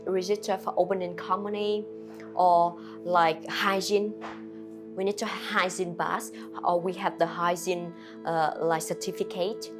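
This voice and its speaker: A Vietnamese woman who runs a restaurant answers interview questions in halting, simple English, with a Vietnamese accent and many fillers. Her pitch is medium.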